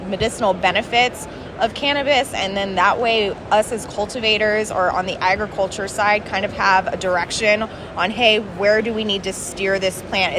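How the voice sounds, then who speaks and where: A young adult woman giving casual, loosely hedged interview answers at a conference event. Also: medium pitch. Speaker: grad student interviewee. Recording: clear background noise of event.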